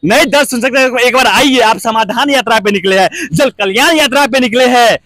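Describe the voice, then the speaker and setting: Impassioned high-voiced male street reporter. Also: a little fast, pushed and bright, no room sound. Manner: rhetorical questions to politicians, pleading.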